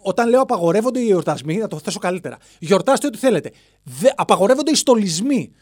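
Guy doing a solo comedy podcast, kinda high voice, dry close sound, rambles all over the place. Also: very animated, darkish tone, no room sound. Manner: rambling, playful, jumps between bits and silly voices. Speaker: podcast host. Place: podcast studio, alone.

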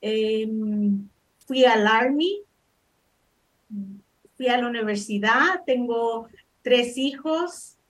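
A woman's voice: a little high, drawn-out words, long pauses, fairly bright tone. A middle-aged woman from El Salvador, a life coach answering interview questions modestly, with frequent hesitations. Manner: modest, hesitant with many fillers.

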